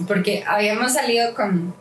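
A woman co-hosting a podcast in casual chat, telling stories animatedly and acting out quoted voices with big pitch jumps, laughing often. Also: normal speed. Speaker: podcast co-host. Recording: echoey room, distant mic, faint noise.

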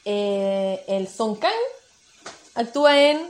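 A young woman with a Chilean Spanish accent and a sore throat, co-hosting a casual podcast chat, playful and quick to laugh. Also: medium pitch, a little hiss or hum. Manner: playful, laughs often, sings snippets. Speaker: podcast co-host.

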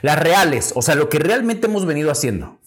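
Male host, slightly high voice, direct conversational teaching tone. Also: sing-song, fairly quick. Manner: conversational, addresses listener directly, repeats phrases. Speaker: podcast host and spiritual teacher. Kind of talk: teaching talk on forgiveness.

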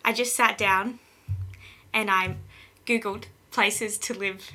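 A woman's voice: mid-range voice, steady tone, slow pace, bright, forceful tone. Giggly young Australian woman. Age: young adult. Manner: giggly, rambling, laughs often. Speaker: interviewee, college student. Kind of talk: casual interview chat.

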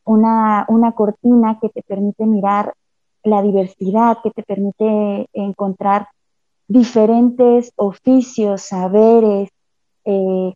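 A woman's voice: medium pitch, mellow, no echo. A woman, a cultural promoter giving a reflective panel answer with frequent restarts over a call. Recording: tinny phone-like line, dry.

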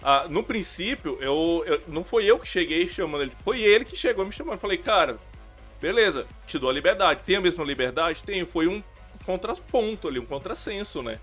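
Male co-host, high and bouncy pitch, playful storyteller. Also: animated, brisk, a bit bright, faint music behind. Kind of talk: casual chat.

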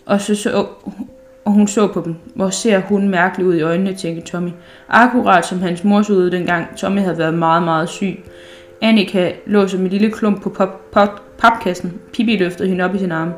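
A woman reads a children's story aloud in a gentle, unhurried way. Her voice sits at a middling pitch, and she stumbles and restarts now and then. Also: steady tone. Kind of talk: reading a children's book aloud.

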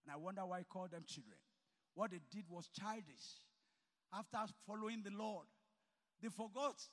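A man preaching a sermon to students, emphatic and swinging between quiet asides and loud exhortation. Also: high voice, moderate pace. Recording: reverberant hall.

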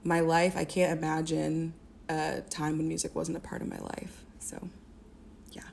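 A woman's voice: deep voice, little pitch movement, a little slow, gravelly, a little mellow, a little hiss or hum. A young woman from the American Midwest, a singer and music therapist, chatting as a podcast guest with many fillers and restarts. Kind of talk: casual interview.

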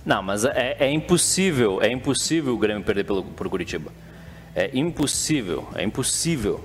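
Teasing man with a lively pitch. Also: normal speed. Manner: teasing, mock-serious. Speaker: host. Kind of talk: casual sports chat.

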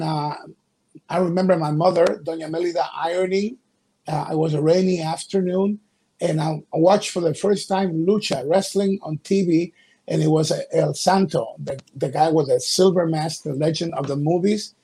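A middle-aged man from Ecuador, a wrestling promoter and pastor, answering interview questions in a halting way with many fillers. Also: fairly high pitch, fairly even intonation, warm tone, slightly rough.

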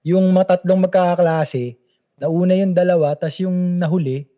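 Podcast host, thirties man, lively storyteller with a warm, higher voice. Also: moderate pace. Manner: animated storyteller, laughs often. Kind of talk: casual chat.

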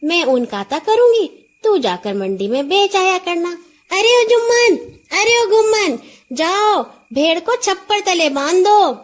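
Woman voicing a merry village wife, high and lively, calling out gleefully. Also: hardly any pauses. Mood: delighted. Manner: bright exclaiming, calling out to servants. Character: cheerful peasant wife Nora, chirpy.

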